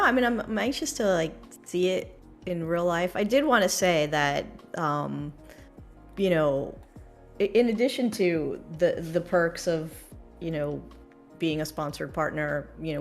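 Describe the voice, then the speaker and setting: A woman's voice: on the low side, measured pace, soft background music. A woman co-hosting a casual livestream, hesitant with many fillers and a wry humor. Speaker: co-host of a crypto dev livestream.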